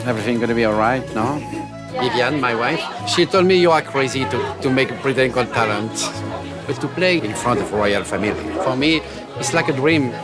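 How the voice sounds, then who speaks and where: A man's voice: mid-range voice, expressive, brisk. Playful French man in his sixties. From France. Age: 60s. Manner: playful, broken English. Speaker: talent show contestant. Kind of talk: stage act with banter. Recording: live theater with loud crowd and music.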